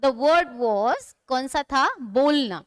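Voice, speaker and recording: A woman's voice: sits high, animated, extremely slow, dry recording, studio quality. A woman teaching English vocabulary in a classroom-style lesson, explaining patiently, repeating words and asking her students questions.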